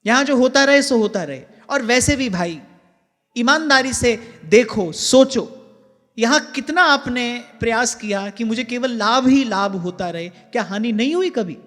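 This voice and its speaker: A man's voice: extremely high pitch, expressive, measured pace, fairly bright tone. A male spiritual teacher giving a devotional sermon in a large hall, earnestly repeating key phrases for emphasis. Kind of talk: devotional sermon with sung verses. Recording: long hall reverb, faint music.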